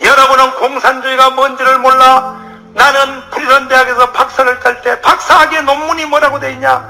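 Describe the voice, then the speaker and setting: A man's voice: very high voice, flat delivery, brisk, creaky, sharp tone, heavily acted. A man playing a stern elderly statesman scolding. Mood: lecturing. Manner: commanding, scolding.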